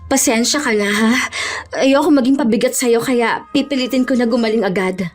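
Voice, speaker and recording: A woman plays a devoted young wife working abroad as a fire dancer with her husband. Her voice is fairly high and tender toward him. Soft music sits under the scene. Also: moderate pace, lightly acted. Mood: ill. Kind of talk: radio drama acting.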